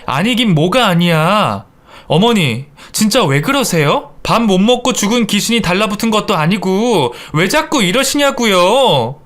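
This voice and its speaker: A man's voice: sits high, big pitch swings, a little slow, fairly bright tone, pitched above the performer's own voice, full character voice. A man voicing a furious young daughter-in-law in a radio drama, with shrieking, sneering outbursts. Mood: scornful. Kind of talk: Korean radio drama acting.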